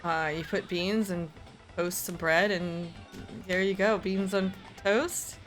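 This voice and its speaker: A woman co-hosting a casual game playthrough, answering in short, dry, deadpan remarks. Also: lowish voice, slow, faint music behind, poor audio. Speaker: co-host of a gaming playthrough. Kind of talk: casual chat over gameplay.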